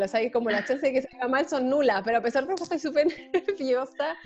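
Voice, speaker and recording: A talkative Chilean woman with a Chilean Spanish accent, her voice sitting a little high. She rambles warmly through fillers and asides in casual group talk. The recording is a bit muffled, with faint guitar music underneath. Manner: chatty and self-deprecating, many fillers, quick asides. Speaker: band member introducing herself.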